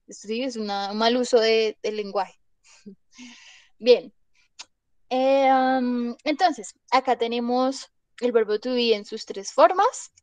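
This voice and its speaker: This woman leads an English class in a chatty way, using many examples and asking "¿listo?" to make sure students follow. Her voice runs on the high side and sounds a little mellow, with no room sound.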